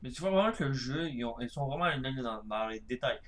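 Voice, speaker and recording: A man's voice: medium pitch, animated, fairly quick, fairly bright tone, a little hiss or hum. A man giving casual gameplay commentary, rambling with lots of fillers and crude swearing. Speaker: gaming youtuber.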